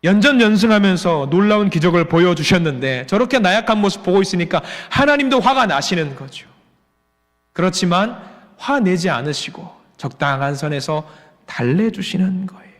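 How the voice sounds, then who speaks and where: A male pastor preaching a Sunday sermon in an animated way, with dramatic pauses and shifts between fast and slow. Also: high voice. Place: church sanctuary. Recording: long reverb of a church hall.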